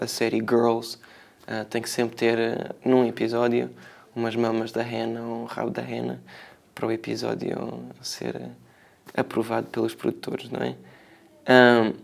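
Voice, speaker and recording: Male filmmaker interviewee, European Portuguese accent, creaky mid-pitched voice, reflective and halting delivery. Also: darkish tone. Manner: hesitant, reflective, searching for words, frequent tag questions. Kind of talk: spontaneous interview answers.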